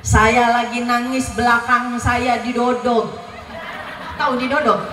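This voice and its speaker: A woman's voice: a little high, fairly even intonation, a little slow, fairly bright tone, a little hiss or hum. A woman preaching a sermon, telling a story and acting out the dialogue of her mother and her neighbours, often addressing the women listening. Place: large venue at a religious gathering. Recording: echoey hall recorded from far off.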